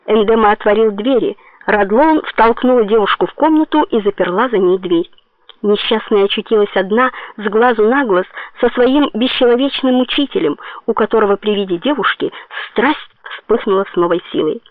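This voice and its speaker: A woman narrating a dramatic novel in a steady storytelling voice. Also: medium pitch, no room sound. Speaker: audiobook narrator. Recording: tinny phone-like dry sound.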